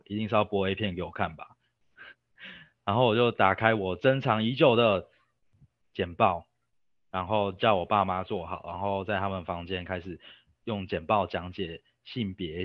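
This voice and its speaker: Here a young man with a Taiwanese Mandarin accent, a guest, tells a story casually, rambling and interrupting himself with fillers. He speaks in a low voice, and the recording is dry, somewhat dull and lo-fi.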